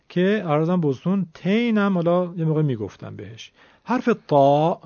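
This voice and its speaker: A man gives a radio pronunciation lesson, voice sitting a little high for a man. He explains patiently and sounds out letters slowly. The recording is dull and dry, like an old broadcast. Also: darkish tone, no echo. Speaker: Quran recitation teacher.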